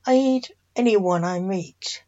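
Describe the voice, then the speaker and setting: A woman's voice: mid-range voice, slow, mellow, lightly acted. Woman reading as a gloating rotting zombie man. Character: hungry rotting male zombie, mocking. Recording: dull lo-fi.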